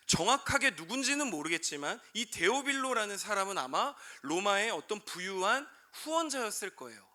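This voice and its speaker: Bright and forceful, a youth pastor in his twenties preaches a sermon to high school students. He calls out to them constantly and answers the questions he raises.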